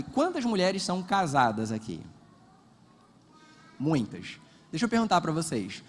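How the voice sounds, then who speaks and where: A man's voice: a little high, slightly rough, big-room sound. A man from Brazil giving a church talk on finances, asking the audience questions and acting out the people in his anecdotes. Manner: lively storyteller, asks the audience questions, acts out quoted dialogue. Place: church hall.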